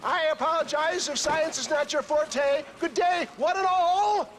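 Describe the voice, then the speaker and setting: An aging snake-oil salesman in a Western video game. His voice is high for a man, and he speaks in grand, florid phrases like a wily showman, with noise behind him. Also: measured pace, a bit bright. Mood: showy sales pitch. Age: older. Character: pompous, wily, aging travelling elixir salesman.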